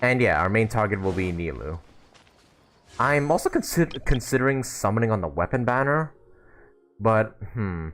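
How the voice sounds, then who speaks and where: Game music plays behind a man livestreaming a game, chatting to viewers in a rambling, think-aloud way. His lowish voice is sing-song and fairly bright, his speed is normal, and there is slight background noise.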